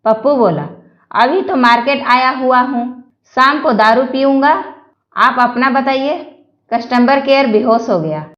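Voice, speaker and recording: A woman reads jokes aloud at an unhurried pace. Her voice sits high, and the room around her is echoey. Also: fairly bright tone, highs cut off. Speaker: joke reader. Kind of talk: reading Hindi jokes aloud.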